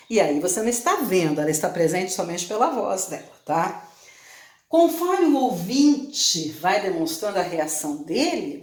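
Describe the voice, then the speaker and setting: Woman teacher, Brazilian Portuguese accent, chatty, asks questions, echoey room, mid pitch. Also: darkish tone. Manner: chatty, repeats points, asks students questions. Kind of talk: online class lesson.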